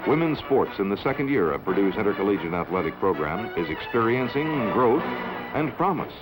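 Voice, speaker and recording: A man narrating an old newsreel in a measured, formal announcing manner. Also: on the low side, very animated, loud music behind the voice, low-quality recording.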